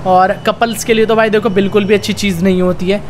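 A man's voice: high voice, flat delivery, fast, a little hiss or hum. A man hosting a gaming channel, giving chatty gameplay commentary and constantly calling his viewers friends and brothers as he playfully narrates his character's romance.

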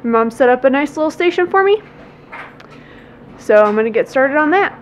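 A woman's voice: high-pitched, moderate pace. A woman in her twenties casually talking through a painting project, filming herself at arm's length in a basement and garage workshop. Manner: chatty, relaxed, explaining as she works. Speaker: vlogger. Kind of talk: casual DIY vlog. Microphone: handheld camera at arm's length.

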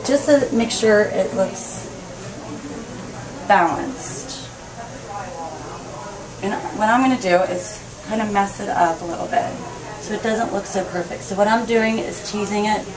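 A woman's voice: medium pitch, poor audio. A young woman hair stylist casually explaining a hairstyle step by step while doing her own hair in a salon. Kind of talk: hairstyling tutorial.

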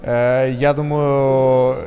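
A man's voice: medium pitch, level tone, extremely slow, dark tone. A man in his thirties conducting a post-fight interview on a handheld microphone. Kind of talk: sports interview. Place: backstage interview wall at indoor arena. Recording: long reverberant hall.

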